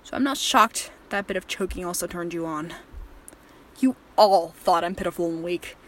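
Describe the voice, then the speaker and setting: At a moderate pace and in a lowish, ordinary-sounding voice, a woman portrays a possessive male murderer with a volatile streak in an erotic horror audio drama. She is threatening, controlling, and softly menacing, moving from soft-spoken to raging, with a slight hiss or hum underneath.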